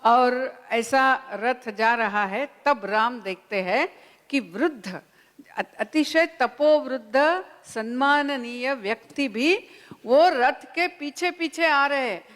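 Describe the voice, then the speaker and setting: Woman lecturer, fairly high voice, retells scripture slowly in a hall with a long reverb. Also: a bit bright. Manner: unhurried storytelling with quoted dialogue. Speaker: speaker at a Ramayana conference. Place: conference hall.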